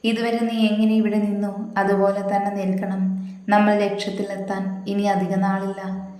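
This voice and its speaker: A calm, protective big brother, read by a woman narrator who speaks slowly and soothingly. The voice stays in an even, flat register and rings through a very echoey room. It belongs to a storybook reading. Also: mid-range voice, close to an everyday voice.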